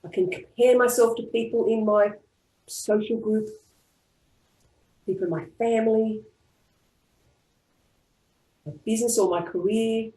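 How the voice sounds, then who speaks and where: A woman with an Australian accent leading a live online group tapping class, speaking in calm, repeated affirmation-style phrases. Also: fairly high pitch, unhurried, pauses often. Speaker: EFT tapping practitioner. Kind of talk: guided group tapping session. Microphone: online video call. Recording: roomy echo.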